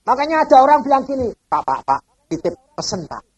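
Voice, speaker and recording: Animated husky preacher man. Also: very high voice, a little fast, highs cut off. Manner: animated storytelling with wide swings between loud and soft; asks the congregation rhetorical questions. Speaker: evangelist preacher. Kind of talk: sermon. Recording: old cassette recording of a sermon.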